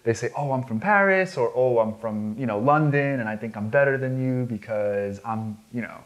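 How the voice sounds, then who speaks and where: A man's voice: medium pitch, normal speed. A man hosting an interview, asking questions casually with friendly enthusiasm and lots of fillers. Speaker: interviewer, host.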